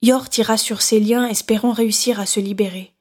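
A woman reading a horror novel aloud in steady, measured scripted narration. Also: on the high side. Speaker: audiobook narrator.

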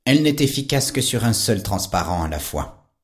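An actor playing a calm, patient private detective in an audio drama. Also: male voice, fairly low pitch, normal speed. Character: odd private detective, calm, faintly sad man.

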